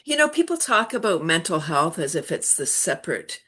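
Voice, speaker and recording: Low-pitched woman from canada chatting, tells stories, laughs a lot. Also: sing-song, moderate pace, husky. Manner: warm storytelling, laughs often, acts out quotes. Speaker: laughter yoga guest. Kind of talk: casual interview chat.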